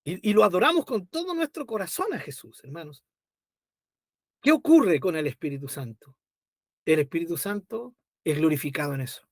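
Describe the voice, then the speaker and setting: Lively, emotive man preaching. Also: a little high, normal speed, dry recording, studio quality. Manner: animated, emotive, often says "brother". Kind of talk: Bible study sermon.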